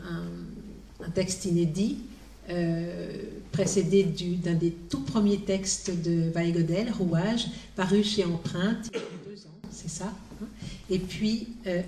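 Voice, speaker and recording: A woman moderating a public literary evening, introducing the guests in an unhurried way with small hesitations. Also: fairly low pitch, steady tone, darkish tone. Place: literary event room before an audience. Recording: echoey room, mic at a distance.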